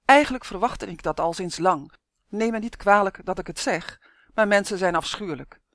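A woman voicing a female magical creature with a fiery temper, who lectures indignantly in a higher, louder voice. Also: big pitch swings, normal speed, no room sound, studio quality, lightly acted.

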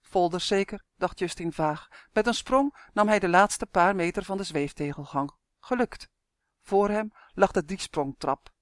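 An audiobook reader calmly narrating a children's story. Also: medium pitch, measured pace, no echo, clean studio sound. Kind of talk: scripted narration.

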